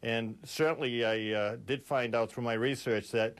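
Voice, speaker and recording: A man from Massachusetts, a state legislator answering interview questions in a halting way with many restarts. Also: mid-range voice, fairly even intonation.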